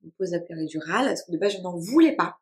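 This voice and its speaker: A woman in her twenties recounting a personal story, speaking haltingly with many fillers and restarts. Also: fairly low pitch, animated. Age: 20s. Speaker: vlogger. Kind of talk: casual storytelling to camera.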